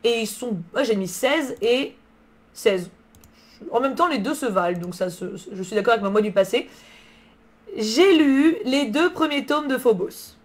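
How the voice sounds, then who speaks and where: Woman, live book streamer, casual chat, slangy and profane, voice on the high side. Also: animated, a little slow. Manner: slangy, swears freely, answers chat messages.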